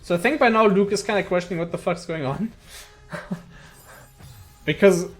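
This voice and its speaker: A man's voice: high voice, quick pace, faint music behind. A young man giving casual commentary on a speedrun match, swearing often, laughing and talking to viewers. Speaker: tournament commentator. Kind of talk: casual solo esports commentary.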